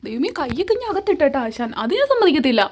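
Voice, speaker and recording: A woman's voice: sits high, very animated, fast, a little mellow. A woman vlogging outdoors in her garden, chatting to a cat in a coaxing way while filming on her phone. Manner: chatty, coaxing, often cries out "ayyo". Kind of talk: casual vlog talk to a cat. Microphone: phone held while filming. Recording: noisy outdoor phone recording.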